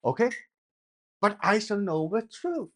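Preaching informally, a man from Denmark speaks in a high, rather bright voice, very animated yet unhurried. His talk is conversational, full of restarts and repeated words, and he surges into emphatic bursts to drive a point home.

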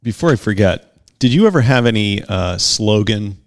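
Podcast co-host guy, lowish voice, jokey, tosses in quips and stories. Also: expressive, moderate pace, vocal fry. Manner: jokey, tells anecdotes, chimes in with quips. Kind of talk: casual podcast chat.

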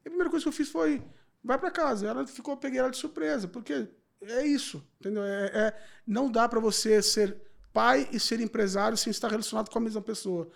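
Man in his forties with a gravelly voice. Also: very high voice, quick pace. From Brazil. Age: 40s. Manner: reflective, repeats filler words. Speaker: podcast guest. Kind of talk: casual interview chat.

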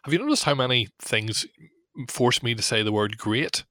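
A man's voice: medium pitch, animated, moderate pace, sharp tone, no room sound. A man with a Northern Irish accent, chatting casually as a co-host on a music podcast.

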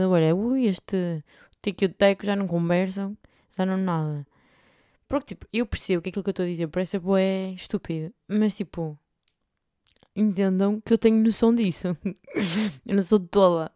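A woman's voice: fairly low pitch, dark tone, clean tone, dry recording, clean studio sound. A young adult woman with a European Portuguese accent, telling a rambling story on her podcast, with lots of fillers and casual swearing. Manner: chatty, rambling, heavy filler words and swearing. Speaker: podcast host.

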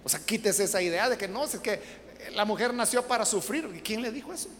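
A woman's voice: medium pitch, lively intonation, brisk. A woman preaching a sermon. She speaks emphatically and keeps asking rhetorical questions. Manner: emphatic, rhetorical questions, acts out quoted voices. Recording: long hall reverb, faint background noise.

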